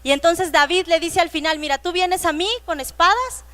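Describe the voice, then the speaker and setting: A woman with a Mexican Spanish accent delivers a sermon in a high voice, slowing down to read scripture with emphasis. She retells stories and briefly puts on the voices of children. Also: fairly even intonation, pushed and bright. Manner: reads scripture slowly and emphatically. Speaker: preacher.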